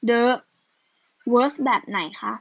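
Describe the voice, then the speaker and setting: A woman teaching English, patiently going over worksheet answers in an unhurried, casual way and spelling out words letter by letter. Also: dry recording, dull audio. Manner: patient, ends phrases with soft polite particles, spells out letters. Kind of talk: slow casual lesson explaining answers.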